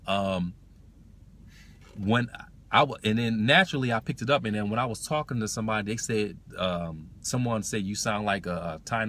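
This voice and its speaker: On a language-learning livestream, the male host talks informally, replies to comments, and keeps haltingly repeating his points. His pitch is lowish and his tone fairly bright.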